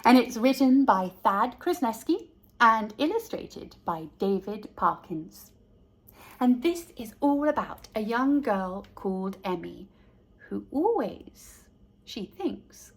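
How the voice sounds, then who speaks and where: A woman reads a picture book aloud to young children, telling the story expressively and deliberately. Her voice is a little high and husky.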